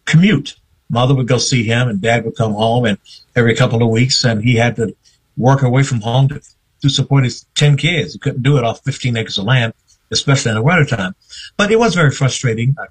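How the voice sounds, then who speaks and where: An older man, a guest on a radio interview, telling his life story slowly and reflectively. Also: medium pitch, breathy edge, rough recording. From North Carolina, US. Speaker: guest, veteran newsman.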